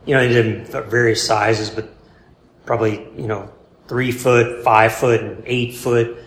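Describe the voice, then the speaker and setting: A man in a casual interview, rambling and halting, with many fillers and restarts, laid-back and self-deprecating. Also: mid-range voice, fairly even intonation. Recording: roomy with faint background hum.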